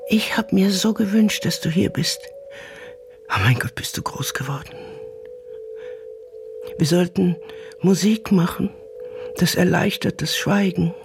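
A woman playing a lonely, half-paralyzed aging mother in a radio drama, pleading with her returned son. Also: on the low side. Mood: longing. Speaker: mother figure in a radio play.

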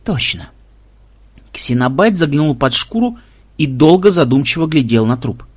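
Man narrating an audiobook, husky tone, lots of pitch movement. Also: animated, normal speed. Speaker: audiobook reader. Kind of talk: scripted narration.

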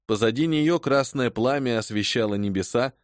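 A man reads an audiobook aloud in a steady, even storytelling style. His voice sits in the middle range, and the scripted narration is recorded dry with clean studio sound.

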